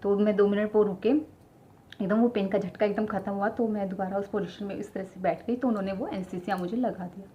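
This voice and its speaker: A woman's voice: medium pitch, fairly even intonation, fairly quick, mellow, slight background noise. A young woman chatting directly to her viewers, telling a personal story with lots of fillers. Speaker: vlogger sharing her childbirth story. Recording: slightly dull lo-fi sound with faint ambience.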